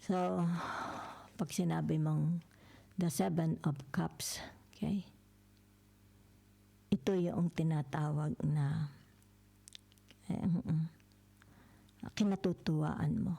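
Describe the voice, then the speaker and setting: An older woman giving a slow tarot reading, soft-spoken, who keeps checking in with the listener and often drops to a whisper. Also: low-pitched, fairly even intonation, vocal fry. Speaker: tarot reader. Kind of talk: slow tarot reading, mixing Tagalog and English.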